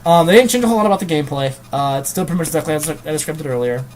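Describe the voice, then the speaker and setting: A man's voice: a little high, racing, darkish tone. A man reviewing a video game in casual chat, rambling with many hesitations and casual swearing.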